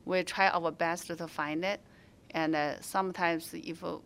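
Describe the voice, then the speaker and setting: Answering interview questions about her restaurant, a woman speaks English as a second language with a Mandarin Chinese accent, using lots of fillers and restarting often. Her voice is fairly low, steady and unhurried, with a clean, fairly bright tone.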